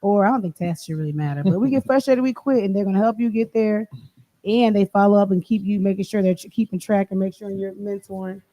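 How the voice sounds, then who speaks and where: A woman's voice: medium pitch, steady tone, quick pace, muffled recording. A talkative woman, co-hosting a casual podcast chat and often cutting herself off mid-word. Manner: talkative, self-interrupting, playful. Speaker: co-host.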